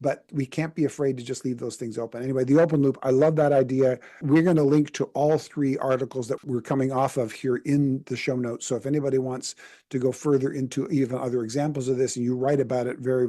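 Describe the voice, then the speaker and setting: Guy hosting a podcast, warm mellow voice, laid back and chatty, nods along a lot. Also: medium pitch, steady tone, brisk. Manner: easygoing, affirming, conversational. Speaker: podcast host. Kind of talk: casual interview.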